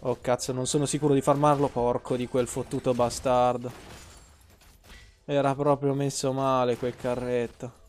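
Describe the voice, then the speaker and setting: Guy streaming a game, swears constantly, rants and jokes at chat, mid-pitched voice. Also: flat delivery, normal speed, a little mellow, faint music behind. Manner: profane, ranting, teasing, talks to chat. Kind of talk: casual live-stream gameplay commentary.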